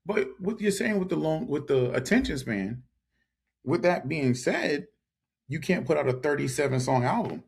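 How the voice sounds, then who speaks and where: Male podcast co-host, fairly high and raspy, blunt and emphatic. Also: lively intonation, moderate pace, a little mellow. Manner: blunt, emphatic opinions with repeated phrases. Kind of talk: casual chat.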